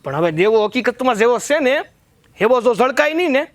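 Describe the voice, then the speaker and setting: A man's voice: very high-pitched, animated, brisk. An actor playing a defiant, scheming young village troublemaker, the headman's son, in a village family drama. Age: young adult.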